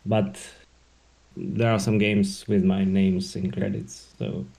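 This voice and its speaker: A man's voice: deep voice, flat delivery, takes it slowly, creaky, warm tone. A man with a Slovak accent talking casually about himself in a hesitant, modest way. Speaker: podcast guest. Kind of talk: casual self-introduction.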